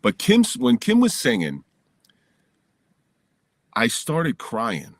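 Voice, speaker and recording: A middle-aged man from New Jersey, a podcast guest telling a personal story in a candid, lively way, recorded in his home basement. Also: mid-range voice, takes it slowly, gravelly, no room sound.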